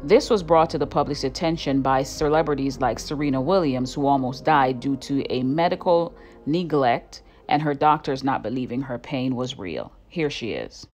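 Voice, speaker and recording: Deep-voiced woman narrating a serious report. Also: animated, normal speed, hardly any pauses, a little mellow, soft background music. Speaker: commentary vlogger. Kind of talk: scripted narration.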